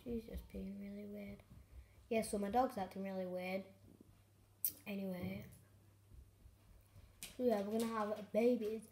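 A woman vlogging at home, chatting excitedly to camera in a rambling way with many fillers. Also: mid-range voice, unhurried, pauses often. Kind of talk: casual chat to camera. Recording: echoey room with faint noise.

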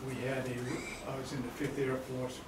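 An older man reminisces about his service in a wry, plain-spoken way. He sits away from the mic, in an echoey hall with steady noise behind him. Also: mid-range voice, moderate pace, far from the mic. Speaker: veteran guest speaker.

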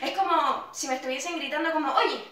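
A woman's voice: sits high, brisk, crowd noise. A woman teaching an online dance class, counting beats aloud and calling out cues over the music, recorded from a distance in an echoey room. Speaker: dance instructor. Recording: roomy echo, distant mic, loud music. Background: loud pop music.

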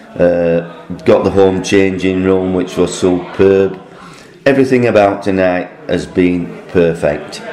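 A man, a club secretary speaking upbeat and plainly after a match. His voice is very deep. The sound rings with a roomy echo. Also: warm tone. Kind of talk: post-match interview. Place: football stadium.

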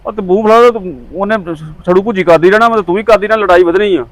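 A man's voice: high-pitched, quick pace. A man in a family drama, teasing and joking while trying to settle a quarrel. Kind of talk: Punjabi family drama acting.

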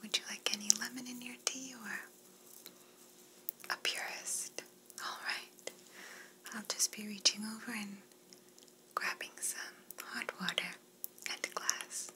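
A woman's voice: on the high side, steady tone, a little slow, long pauses, pushed and bright, low-quality recording. A young woman playing an attentive, courteous flight attendant in a whispered role-play, speaking politely as she offers service. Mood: courteous, soothing. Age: young adult.

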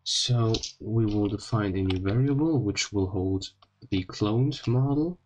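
Slow, slightly impeded low-voiced man. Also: darkish tone, a little hiss or hum. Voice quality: slightly odd, impeded speech after wisdom teeth removal. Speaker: tutorial host. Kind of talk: informal screen-recorded coding tutorial.

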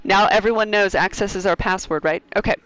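A woman's voice: mid-range voice, fairly bright tone, dry recording, rough recording. Bubbly chatty woman streamer. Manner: bubbly, chatty, quick to laugh and joke. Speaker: streamer playing a game. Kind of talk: casual live-stream chat.

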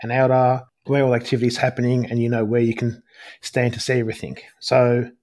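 A man speaks as a guest on a podcast, relaxed and friendly with an eager streak. His voice sits in a middle pitch, and his tone is plain and conversational. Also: brisk. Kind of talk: casual chat.

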